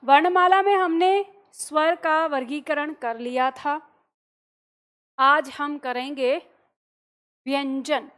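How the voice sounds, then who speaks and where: A woman teaching an online class, explaining step by step, dictating notes slowly and asking the students questions she then answers herself. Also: high-pitched, steady tone, fairly bright tone. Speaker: Hindi teacher.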